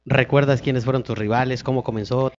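A man interviewing a guest, asking calm, brief questions. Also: mid-range voice, fairly quick, highs cut off.

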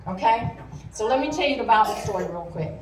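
A high-voiced woman tells a Bible story to children from the stage of a church sanctuary, using simple, repetitive coaching with call-and-response. Her intonation is lively and a little fast. A distant audience camera captured her in the echoey, noisy hall, with children and room noise in the background.

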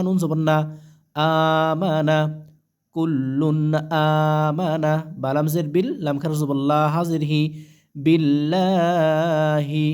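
A man teaching Quran reading, spelling out each letter and vowel mark slowly, then chanting the joined words. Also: fairly high pitch, darkish tone. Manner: slow, syllable-by-syllable spelling with drawn-out recited phrases.

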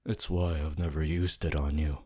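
Man voicing Hitoshi Shinsou, very deep husky flirt. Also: level tone, dark tone. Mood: smug, flirtatious. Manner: slow, halting, low-key delivery with sighs and pauses. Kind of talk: roleplay ASMR voice acting.

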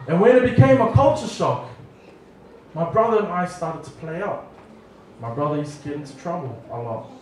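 A man in his thirties from New Zealand, preaching a storytelling sermon on a handheld mic, animated and acting out family dialogue. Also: on the high side, a little hiss or hum. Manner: animated, acts out family dialogue with lively gestures. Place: church hall, small room. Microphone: handheld mic, far camera. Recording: echoey hall from far off.

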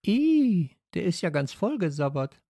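Man voicing a young girl, bossy, indignant, high voice, dry studio sound. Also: sing-song, moderate pace, gravelly, no echo, exaggerated voice. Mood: chiding. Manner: sharp, indignant.

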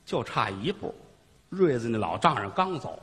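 A man's voice: mid-range voice, big pitch swings, normal speed, a bit bright, big-room sound. A man performing a traditional solo comic story with vivid, rhythmic narration.

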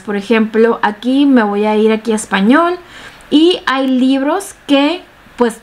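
A young woman giving a casual step-by-step screen-share tutorial from a small room at home, chatty and full of fillers. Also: on the high side. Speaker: online tutorial host.

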